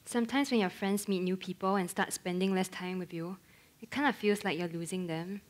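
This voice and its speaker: A woman's voice: medium pitch, steady tone, brisk, natural voice. A young woman acting in a student play as a blunt, sassy friend.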